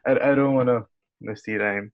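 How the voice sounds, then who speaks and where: A young man interviewing over a video call, hesitant and full of filler sounds. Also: mid-range voice. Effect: heard over a video call. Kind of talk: casual interview chat. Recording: tinny video call audio.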